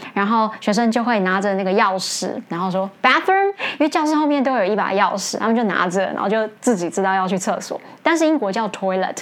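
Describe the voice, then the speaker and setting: A woman teacher, hosting an English lesson in a chatty, casual way, often laughing and jumping up in pitch to stress points.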